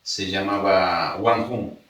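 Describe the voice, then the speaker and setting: A man's voice: deep voice, slow. Echoey, distant Ecuadorian man telling stories. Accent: Ecuadorian highland Spanish. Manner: animated storyteller, often acting out remembered dialogue. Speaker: podcast guest. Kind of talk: casual storytelling interview. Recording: echoey room, distant mic.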